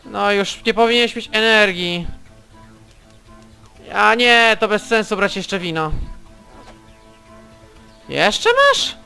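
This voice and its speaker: A man's voice: high voice, a little slow, vocal fry, pauses often, pushed and bright, clear, resonant tone. A man casually commenting on his gameplay, swearing and taunting the enemies he fights, with faint game music behind. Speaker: let's play gamer.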